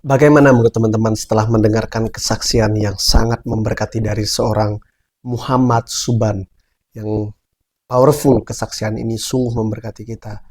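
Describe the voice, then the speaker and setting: Seorang pria pembawa acara menutup video dengan refleksi tenang kepada penonton. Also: male voice, on the low side, flat delivery, moderate pace, darkish tone. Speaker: channel host. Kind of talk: closing remarks to viewers.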